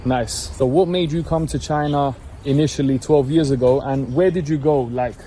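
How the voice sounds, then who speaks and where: A man's voice: mid-range voice, moderate pace, dark tone, slight background noise. A man interviewing a guest in a friendly, conversational way.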